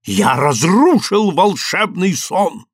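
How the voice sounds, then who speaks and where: A man's voice: fairly high pitch, very animated, slow pace, a bit bright, no echo, full character voice. Male narrator doing a proud, odd inventor, lofty and theatrical, dry close sound. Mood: haughty.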